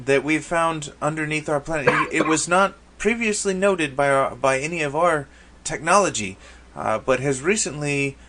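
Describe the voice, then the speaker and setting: A man's voice: fairly high pitch, noisy background, pitched above the performer's own voice. A game master voicing an earnest, hesitant male alien minister in a tabletop game. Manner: formal, hesitant.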